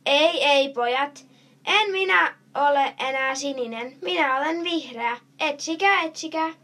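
A mischievous little chameleon from a children's storybook taunts its chasers with a high, giggly voice, as a woman reads it aloud. It sounds cheeky and delighted with itself, never tiring of the game. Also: pushed and bright, recorded from a distance. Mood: teasing. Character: playful color-changing chameleon, cheeky runaway pet.

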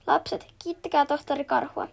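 A woman's voice: high voice, fairly even intonation, vocal fry. A woman reading out the part of a kindly female animal nursery teacher in a picture book, cheerful and encouraging.

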